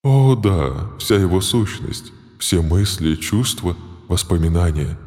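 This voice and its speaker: A man voicing a huge, greedy female monster who feeds on souls, speaking slowly and gloatingly. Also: deep voice, expressive, a little mellow. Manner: slow, menacing, gloating. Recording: voice in a long reverb.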